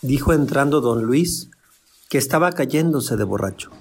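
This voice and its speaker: A man's voice: mid-range voice, lively intonation, moderate pace, vocal fry, husky. A man narrating a radio drama in a plain storytelling manner. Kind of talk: scripted narration.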